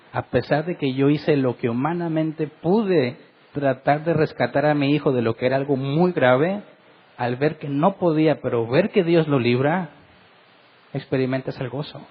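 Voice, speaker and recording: A man's voice: a little high, normal speed, husky, lo-fi sound. A middle-aged man, a pastor, preaching earnestly in a Bible study and asking his listeners rhetorical questions.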